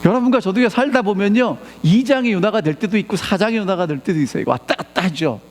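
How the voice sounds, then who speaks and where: In a church sanctuary with long reverb, a pastor with a high-pitched voice talks fast, animatedly questioning his congregation over and over with rhetorical questions. A little hiss or hum is present.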